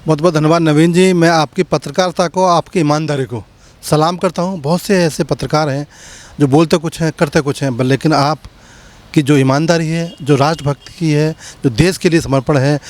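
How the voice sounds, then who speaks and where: Guy with a slightly high voice, fired up, answers like he's making a speech. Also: a little mellow. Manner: rhetorical and impassioned, with repetitions. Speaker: guest, community leader. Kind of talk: interview answers, political speech.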